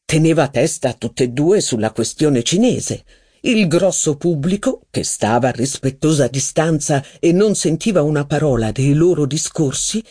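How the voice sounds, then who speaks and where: A man's voice: a little high, darkish tone. A reader voicing a foreign nobleman who gossips with wry irony.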